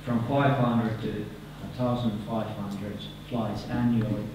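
A man's voice: on the low side, level tone, background noise. Finnish-accented man lecturing in an echoey hall. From Finland. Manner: halting, repeats words, trails off at phrase ends. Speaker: conference speaker. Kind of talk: conference presentation. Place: conference hall, indoors. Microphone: podium microphone. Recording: echoey hall, picked up from far off.

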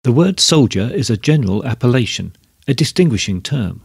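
An arrogant, vulgar tavern scribe from a storybook reading, as a male narrator puts him on. He rolls out grand, pompous phrases in a gravelly, husky voice. The sound is close and dry. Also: medium pitch, big pitch swings, brisk, a little mellow, no room sound, heavily acted. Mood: bombastic. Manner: pompous, bombastic. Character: coarse, arrogant fat innkeeper's scribe.

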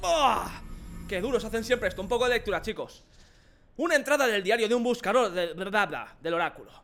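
A young man with a Spain Spanish accent, joking and shouting excitedly as he commentates a video game. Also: high voice, brisk. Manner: excitable, jokey, shouts at enemies. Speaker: gaming commentator. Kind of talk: let's play commentary.

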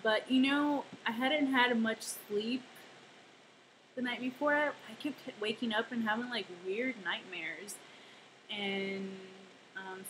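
Woman, casual home vlogger, rambling and self-deprecating, mid-pitched voice, hissy home recording. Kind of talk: casual weight-loss video diary. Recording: noisy home camera recording.

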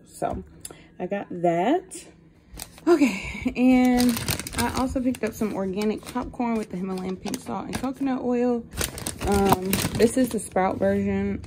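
A young woman talks through her groceries in an easy, chatty way, stopping often to fill pauses. Her voice sits a little low and sounds warm and soft. A faint hiss runs under the phone recording. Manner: chatty, upbeat, many fillers. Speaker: vlogger. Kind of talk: casual grocery haul chat. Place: home kitchen, indoors. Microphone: phone camera held close.

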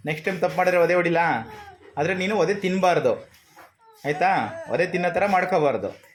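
A man's voice: high voice, brisk, noisy background. A man talking with his young daughter, coaxing and mildly scolding her through repeated questions. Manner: coaxing, gently scolding, keeps asking questions. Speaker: father, vlogger. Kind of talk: casual family chat.

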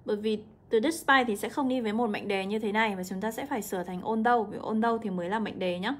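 A young woman, an English teacher walking students through an exam, drawing out example words slowly. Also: mid-range voice. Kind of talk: exam walkthrough lesson.

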